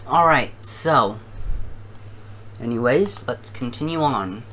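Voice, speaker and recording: Casual video host, unhurried and halting, thinks aloud, mid pitch, slight background noise. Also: expressive, fairly bright tone. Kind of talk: casual commentary to viewers.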